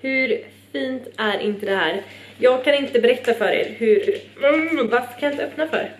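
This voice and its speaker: A woman's voice: high voice, echoey room. A young woman from Sweden chatting casually in a vlog at home, bubbly and rambling. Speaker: vlogger.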